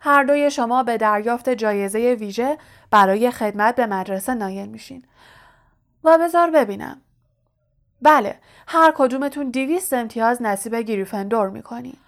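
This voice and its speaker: A kindly old wizard headmaster speaks calmly and softly, as a woman reading the story gives him voice. His voice sits fairly high, with a gentle, amused warmth of tone in an audiobook reading. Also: close to an everyday voice. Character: wise elderly male headmaster, gentle and kindly.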